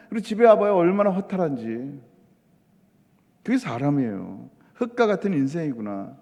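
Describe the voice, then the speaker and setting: A middle-aged man preaching a sermon as a missionary preacher, talking in an animated way and putting questions to the congregation. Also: high-pitched. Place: church sanctuary. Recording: long hall reverb.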